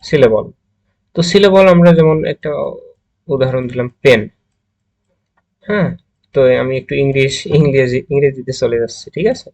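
A man's voice: mid-range voice, moderate pace, pauses often, darkish tone. A man with a Bangladeshi Bengali accent, teaching a grammar video lecture. He mixes English words into his explanations and keeps asking if the class is following. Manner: mixes English words into explanations, often checks with "ঠিক আছে?".

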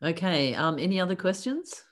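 A woman's voice: lowish voice, sing-song, moderate pace. An older woman chairing an online conference session, polite and brief.

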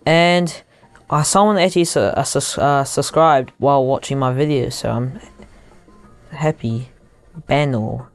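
A young man giving casual gameplay commentary into headphones used as a mic, haltingly thinking aloud as he goes. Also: mid-range voice, soft background music. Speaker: gaming YouTuber.

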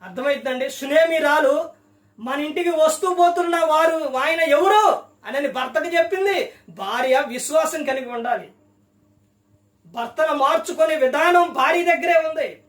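Preacher asking rhetorical questions, high-pitched. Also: a little slow, fairly bright tone, echoey room, far from the mic. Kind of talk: sermon.

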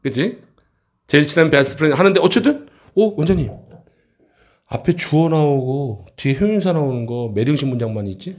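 A man teaching an English textbook passage to middle school students in a classroom, often checking in with quick questions. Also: on the high side, lively intonation.

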